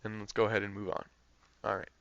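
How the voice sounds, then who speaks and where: A man's voice: on the low side, completely flat delivery, quick pace, vocal fry, fairly bright tone, no echo, highs cut off. A man tutoring test prep, explaining practice test answers in a conversational way, thinking aloud with fillers and restarts.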